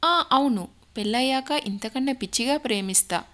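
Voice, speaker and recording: A woman's voice: sits high, moderate pace, a bit bright. A woman voicing a devoted young man speaking lovingly to his bride-to-be in an audio story, playful and earnest.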